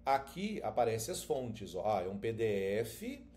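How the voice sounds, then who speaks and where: A male teacher, walking viewers through a screen-share tutorial. His voice is mellow and relaxed, and his delivery is chatty and informal, full of little check-ins with the audience. A faint hiss of background noise sits under it. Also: medium pitch, moderate pace. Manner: informal, addresses viewers directly, frequent filler checks.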